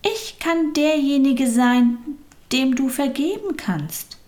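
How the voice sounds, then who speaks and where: A woman voicing a kind, loving soul, speaking tenderly and often in a soft whisper. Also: high voice, expressive, takes it slowly, voice pushed up. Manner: tender, softly whispered, rising with feeling.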